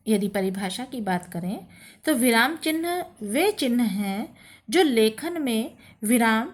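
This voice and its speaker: A woman teaching a grammar lesson to students, explaining slowly and stressing each example phrase. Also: fairly high pitch. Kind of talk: classroom lesson.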